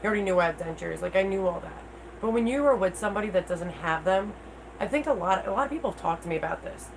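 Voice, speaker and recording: Hosting a livestream, a middle-aged woman chats candidly and unpolished with viewers, swearing mildly, her speech sounding toothless at an ordinary female pitch. She talks quickly with lively intonation, faint room noise around her, and poor audio.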